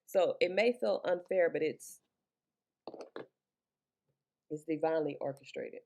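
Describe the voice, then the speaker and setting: A tarot reader with a deep, gravelly voice edged with vocal fry gives a loose, chatty reading into Bluetooth earbuds, rambling and swearing in passing. She talks at normal speed with a darkish tone in this casual spoken tarot reading.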